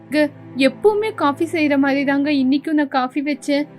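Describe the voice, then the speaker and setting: A woman voicing a patient young daughter-in-law who pleads and reasons in an animated story. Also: high-pitched, brisk, soft background music, natural voice. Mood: hurt. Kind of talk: storybook voice acting.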